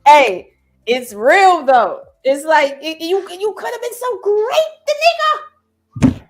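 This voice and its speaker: A woman hosting a casual reaction chat, talking in a blunt, profane and animated way. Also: very high-pitched, takes it slowly. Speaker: host.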